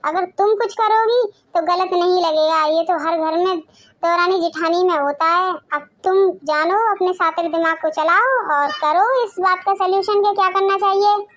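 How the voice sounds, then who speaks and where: A woman voicing an easygoing husband who coaxes his wife and avoids conflict, in an animated family drama. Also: very high voice, normal speed. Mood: coaxing. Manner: coaxing, laid-back. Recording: dull, lo-fi audio.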